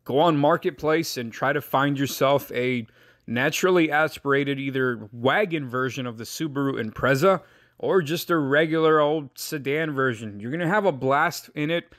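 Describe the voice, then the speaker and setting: A man's voice: mid-range voice, moderate pace, fairly bright tone, no room sound, clean studio sound. A young man hosting a casual car video, brash and joking, swearing freely. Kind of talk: casual car review monologue.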